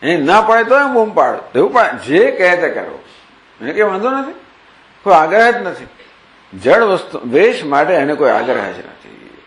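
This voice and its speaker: A man's voice: a little high, sing-song, moderate pace, fairly bright tone. A man gives a scriptural discourse in a slightly raised voice. He recites verses and explains them by asking questions and answering them himself. The sound echoes noticeably around the room. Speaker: spiritual teacher.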